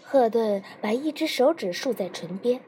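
A woman narrating a novel as an audiobook in an even storytelling manner. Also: on the high side, moderate pace, slight background noise.

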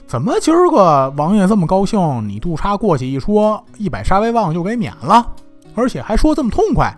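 A man's voice: sits high, huge pitch swings, fairly quick, faint music behind, exaggerated voice. A man voicing a shrewd, suspicious male official, pressing hard with questions. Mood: probing. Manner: pressing, interrogating.

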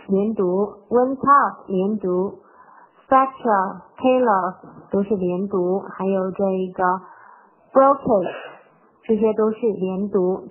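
A woman walks learners through English pronunciation at an unhurried pace, patiently repeating single words. Her voice is slightly breathy and husky. The sound is thin and tinny, like it came down a phone line. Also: medium pitch. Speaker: English teacher. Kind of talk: explaining pronunciation of a nursery rhyme.

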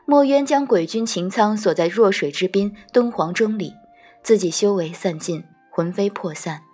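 A woman narrating a first-person fantasy audiobook, gentle and wry. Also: medium pitch, moderate pace, faint music behind. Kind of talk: scripted storytelling narration.

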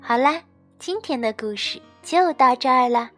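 A woman reading a bedtime story aloud in a gentle, soothing way. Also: high-pitched, animated, normal speed, soft background music.

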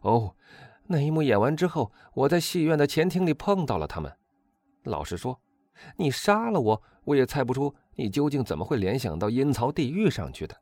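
A vain, excitable young gentleman chatters loudly and brags, as played by a man narrating the book. His voice sits high and leaps about with enthusiasm. Recorded dry and close. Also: a little fast, no echo. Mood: boastful. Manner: loud exuberant high-pitched chatter.

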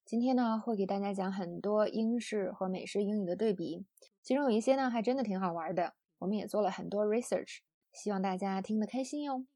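A woman teaches English usage in a friendly, chatty way, ending her phrases with soft particles. Her voice is mellow and warm. The sound is dry and close. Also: medium pitch, brisk, no echo. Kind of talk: explaining English usage to students.

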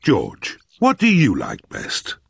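A man's voice: lowish voice, wildly swooping pitch, slow pace, creaky, husky, dry recording, heavily acted. A man voicing a jolly, confident cartoon father pig with a hearty manner. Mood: cheerful. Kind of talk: cartoon voice acting.

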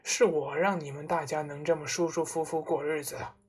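A woman's voice: deep voice, steady tone, brisk, husky. A woman voicing a pompous blustering father. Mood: boastful. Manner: bragging, then indignant shouting. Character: pompous middle-aged male car dealer, boastful and blustering.

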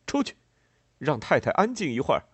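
A protective young man loses his temper in an audiobook, as a man narrator puts him on. The lines come loud and raised in pitch, husky and dry, with angry force. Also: sing-song, a little fast, dry recording.

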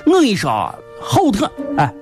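A man with a Shaanxi accent playing an excitable, nosy everyday man in comic dialect skits, exclaiming, stammering and repeating himself. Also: very high-pitched, moderate pace, faint music behind, full character voice. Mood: boastful, animated. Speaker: sketch comedy performer. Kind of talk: comic two-person dialogue skits in dialect.

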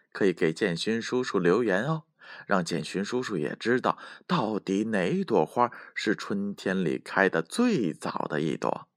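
A man telling a children's bedtime story in a soothing, slow, lilting way, talking directly to the children. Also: lowish voice, fairly bright tone, no echo, studio quality.

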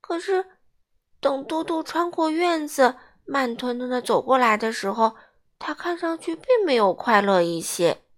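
A woman reading a children's storybook aloud in a gentle, expressive way. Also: high-pitched, measured pace.

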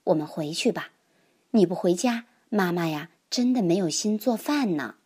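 A woman voicing a gentle mother in a storybook, speaking softly and tenderly. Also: lively intonation, moderate pace, husky. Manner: soft, low and tender. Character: gentle young mother comforting her child.

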